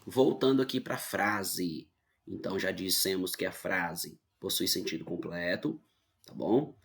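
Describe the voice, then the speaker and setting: Brazilian male teacher, low gravelly voice, patient explainer for an online class. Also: animated, a little slow, fairly bright tone. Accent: Brazilian Portuguese. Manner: explains patiently, keeps checking with "tá bom?". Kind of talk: online grammar lesson.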